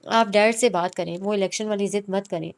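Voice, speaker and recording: A woman's voice: mid-range voice, steady tone, lightly acted. Woman reading as a guilty, placating son. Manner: soothing, apologetic.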